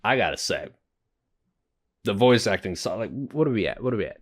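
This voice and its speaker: A man's voice: on the low side, animated, fairly quick. A young man giving informal, sweary, blurted commentary as he watches an anime. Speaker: reaction video host.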